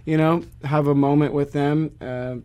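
A man who works as a church musician, talking in casual podcast chat with friendly, quick asides. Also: fairly high pitch, little pitch movement, warm tone, clean tone.

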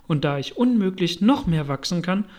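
A man's voice: sits high, expressive, moderate pace, a little mellow. A man voicing the young girl Alice in a storybook reading, exclaiming and talking to herself.

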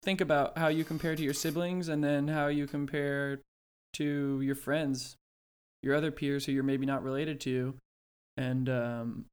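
A young man with a mid-pitched voice chats casually as a podcast co-host. He thinks out loud, feeling his way through sentences and often rephrasing as he goes. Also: smooth. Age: early twenties. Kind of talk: casual chat.

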